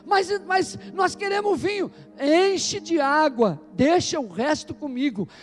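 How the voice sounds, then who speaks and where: High-voiced man preaching an emphatic sermon. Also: expressive, slow, faint music behind. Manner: emphatic preaching, calls out to the congregation. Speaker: pastor. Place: church service.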